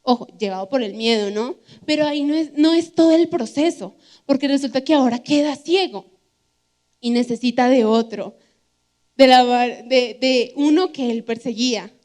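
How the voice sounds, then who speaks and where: A woman's voice: high-pitched, normal speed, a little mellow. A woman preaching a sermon from a church stage, earnest and emphatic as she shares a personal testimony. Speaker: youth preacher.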